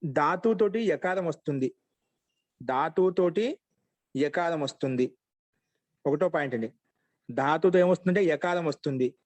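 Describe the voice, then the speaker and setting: Slow-dictating man teaching grammar, dry sound. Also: fairly high pitch, a little mellow, no echo, poor audio. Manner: repeats each rule slowly for note-taking. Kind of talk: dictation-paced online lesson.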